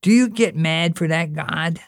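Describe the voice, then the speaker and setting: The voice has vocal fry and moves a little slowly, captured in studio quality with no room sound at all. It belongs to someone reading fiction aloud, playing a sincere young boy who pleads and questions as he prays and bosses around his little brother. The tone comes across as high, childlike and pleading.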